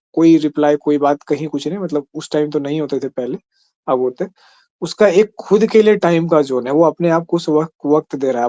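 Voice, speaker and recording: A man leads an exam-prep class conversationally, regularly checking in with listeners by asking "ठीक है?". His voice is slightly high and warm.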